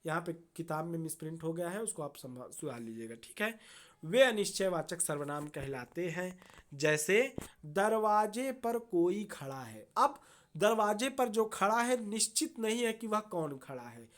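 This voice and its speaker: Slow, low-voiced woman teaching grammar. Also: animated. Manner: slow, deliberate, repeats and checks with "thik hai". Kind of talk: classroom grammar lesson.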